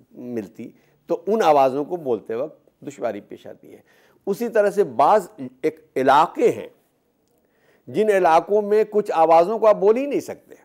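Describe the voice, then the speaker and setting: Measured lecturer, a man. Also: on the high side, darkish tone. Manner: measured, explanatory, with repeated examples. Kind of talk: educational lecture.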